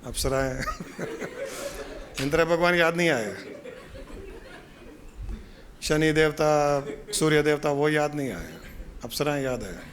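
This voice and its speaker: A man's voice: on the high side, a bit bright, slight background noise. A man speaking as a spiritual guru, giving a casual devotional talk with a folksy, joking storytelling manner.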